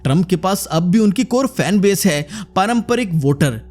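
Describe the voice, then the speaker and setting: A man with a high-set voice reads a scripted news explainer. He delivers it with dramatic, punchy emphasis. Soft music plays faintly beneath his narration. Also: animated, normal speed.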